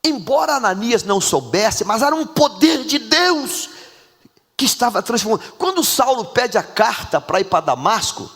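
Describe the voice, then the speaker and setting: A man preaching a sermon as pastor, emphatic and animated, repeating lines for effect. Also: very high-pitched, normal speed, husky. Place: large church sanctuary. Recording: reverberant church hall.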